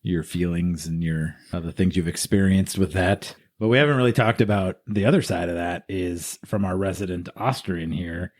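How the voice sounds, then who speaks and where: A man's voice: sits low, normal speed, few pauses. A man from the United States co-hosting a podcast in casual chat, joking and asking long, rambling questions. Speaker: podcast co-host.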